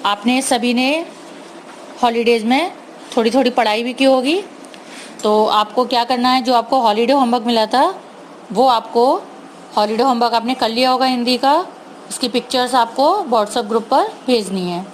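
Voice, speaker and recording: Lady teacher, talks real slow, sounds out words bit by bit for little kids, kinda high voice, faint hiss behind. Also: poor audio. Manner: mixes English words into Hindi. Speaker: primary school teacher. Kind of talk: online Hindi lesson for young children.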